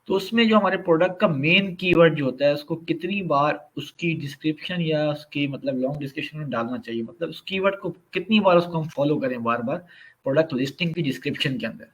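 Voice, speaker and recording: A man's voice: fairly high pitch, a little fast, fairly bright tone, low-quality recording. Male moderator, polite, rephrases his questions; choppy internet-call audio that keeps breaking up. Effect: voice breaking up over a bad internet call. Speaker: session moderator. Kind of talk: asking questions on a live online class. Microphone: remote online call.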